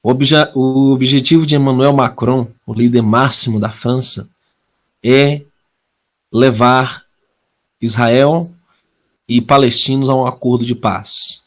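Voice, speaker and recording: A man with a Brazilian Portuguese accent leading a weekly prophecy study, earnest and measured, slowing down to stress key words. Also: mid-range voice. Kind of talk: prophecy study talk with opening prayer.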